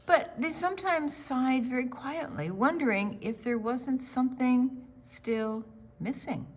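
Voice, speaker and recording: A high-voiced woman leads a children's storytime, reading a picture book aloud. She delivers it theatrically and deliberately, pulling young listeners into the story.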